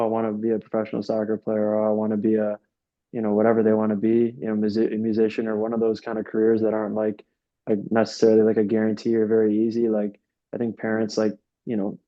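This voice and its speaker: On a lo-fi recording, a lowish-voiced young man answers interview questions casually, rambling along with fillers and restarts. He's a soccer coach from Rochester, in upstate New York.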